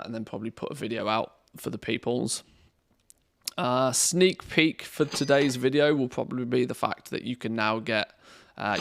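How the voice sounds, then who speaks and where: Male game streamer, casual rambling delivery, gravelly fry, dry room sound. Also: mid-range voice, dry recording. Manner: rambling, addresses viewers informally. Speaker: game streamer and video maker. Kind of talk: casual livestream chat. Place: indoor studio room padded with cushions against echo.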